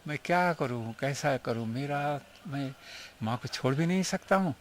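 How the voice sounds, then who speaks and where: This older man's voice sits at medium pitch, expressive and at a normal pace, with slight background noise. Speaking in an interview, he recounts his time with his guru in heartfelt, emotional fashion, mixing English phrases into the story.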